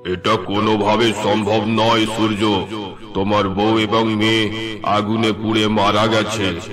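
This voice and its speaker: A stern, all-powerful cartoon god passes judgment in slow, solemn pronouncements. The voice is pitched far down by an effect and stays low and flat, with music playing behind it. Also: male voice. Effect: pitched-down deep voice.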